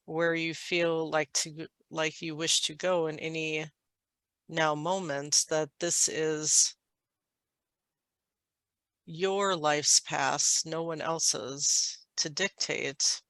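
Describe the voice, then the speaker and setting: Brief: a woman voicing an otherworldly galactic guide, very slow and deliberate, clear, smooth tone. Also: deep voice, bright, forceful tone, no room sound, heavily acted. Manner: slow, halting, formal phrasing. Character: galactic being speaking through a channel, calm and unhurried. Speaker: trance channel. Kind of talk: channeled spiritual guidance.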